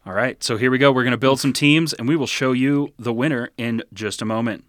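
Relaxed man chatting about games. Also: mid-range voice, brisk, heavy background noise. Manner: relaxed, rambling, laughs often. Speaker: podcast co-host. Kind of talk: casual gaming chat.

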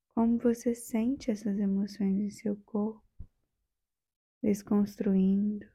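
This is a guided meditation led by a woman with a Brazilian accent, her medium-pitched voice soft, gentle and soothing, with long silences between phrases.

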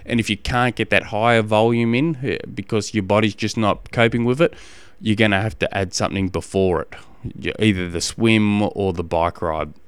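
A man with an Australian accent giving casual coaching advice as a podcast host, halting and often repeating phrases as he explains. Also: fairly low pitch, steady tone, clean tone, no room sound.

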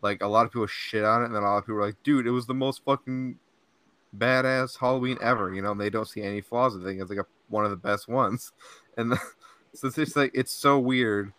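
This podcast host, a young man, talks fairly quickly in a mid-range voice with a sharp tone, and the recording is dry. He rambles through casual chat on a podcast mic, laughing a lot and leaning heavily on "like" and "dude."

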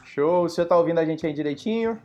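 Um homem com sotaque brasileiro, apresentador de podcast, recebe os convidados num bate-papo descontraído e animado. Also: male voice, on the high side, fast, dark tone, muffled recording, faint music behind. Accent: Brazilian. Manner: upbeat and welcoming. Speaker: podcast host. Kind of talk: casual podcast chat, interviewing.

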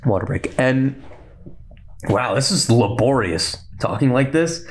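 A young man hosting a casual solo podcast, rambling quickly and laughing often. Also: mid-range voice, animated, a little hiss or hum. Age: young adult. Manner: rambling and fast-talking, with frequent laughs. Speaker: podcast host.

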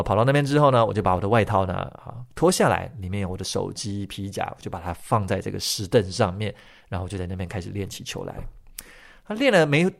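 A man hosting his own podcast and telling a story. He often ends his phrases with drawn-out particles. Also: lowish voice, gravelly. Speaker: podcast host.

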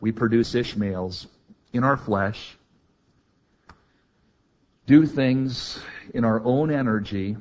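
A husky-voiced male preacher giving an expository sermon in a dramatic manner, acting out scripture and asking the congregation questions. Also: mid-range voice, highs cut off.

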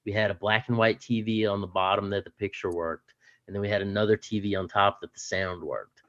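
A middle-aged man co-hosting a podcast, talking haltingly with many pauses and fillers. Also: fairly low pitch, fairly even intonation, a bit bright, dry recording, muffled recording. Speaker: podcast co-host. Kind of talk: casual chat.

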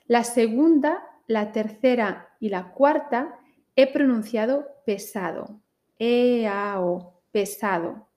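A woman teaching pronunciation, saying each word slowly and carefully in a listening drill. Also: on the high side, darkish tone. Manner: very slow, carefully articulated minimal pairs.

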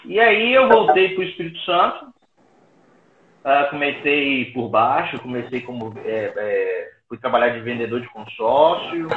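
A man's voice: mid-range voice, lively intonation, noisy background. Man heard over a tinny echoey call. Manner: halting, repeats words often. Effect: heard over an internet call line. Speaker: interview guest. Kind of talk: casual personal story. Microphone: remote call device.

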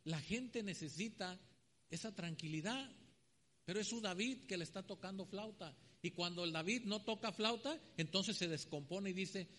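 A man's voice: high-pitched, normal speed, long reverb tail. A man preaching a sermon in a church, telling stories and acting out the voices of the people in them. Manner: animated storytelling preacher, acting out characters' voices.

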